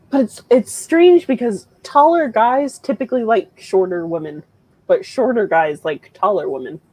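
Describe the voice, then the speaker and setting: Telling casual stories and laughing a lot, a woman co-hosts a live writing stream. Her voice is medium-pitched and warm.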